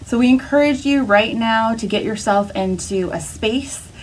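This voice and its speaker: A woman's voice: a little high, normal speed, slight background noise, low-quality recording. A woman welcoming worshippers and reading out announcements for an online church service. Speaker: church discipleship director.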